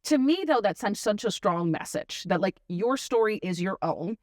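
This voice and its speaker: A woman's voice: medium pitch, lively intonation, moderate pace, a little mellow, no echo, studio quality. A woman hosting an interview, enthusiastic and encouraging toward her guest. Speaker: host. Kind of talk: casual interview.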